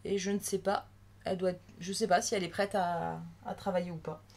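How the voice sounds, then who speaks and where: A woman's voice: on the low side, fairly even intonation, a little fast, vocal fry, darkish tone. A woman from France giving casual, chatty unboxing commentary, thinking aloud as she handles a new crafting machine. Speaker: crafting vlogger.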